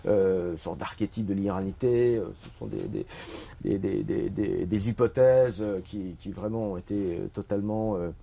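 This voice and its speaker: A man's voice: lowish voice, moderate pace, gravelly, warm tone. A middle-aged man from Switzerland, an author presenting his book in a bookshop, talking with many fillers and restarts. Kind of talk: bookshop talk.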